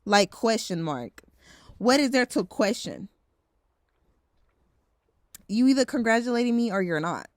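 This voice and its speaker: A woman's voice: fairly high pitch, very animated, unhurried, pauses often, no echo, clean studio sound. Blunt young woman vlogging casually. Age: around 20. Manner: blunt, frank, with swearing; heavy use of filler "like". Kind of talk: casual vlog chat.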